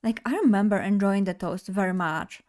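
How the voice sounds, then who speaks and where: This vtuber streamer is a young woman from Poland who talks to her chat in a chatty, bubbly, casual way, addressing viewers directly. She has a mid-range, darkish voice and speaks at a moderate pace.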